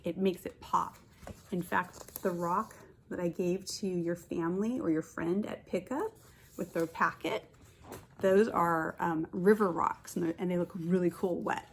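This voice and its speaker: With a medium-pitched, breathy voice, a female kindergarten teacher reads a picture book aloud, putting expressive stress on words and breaking off for chatty remarks to the kids.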